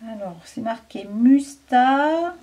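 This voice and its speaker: A woman's voice: fairly high pitch, lively intonation, slow, dark tone. A French woman casually reviewing craft markers, chatty and hesitant, thinking aloud with many fillers.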